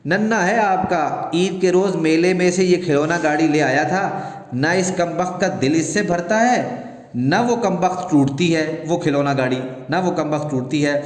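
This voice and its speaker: A man's voice: fairly high pitch, normal speed, echoey room, long reverb tail, close to an everyday voice. A man doing a peevish bedridden husband. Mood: complaining. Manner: grumbling, peevish, groaning. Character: sickly, irritable middle-aged husband in bed.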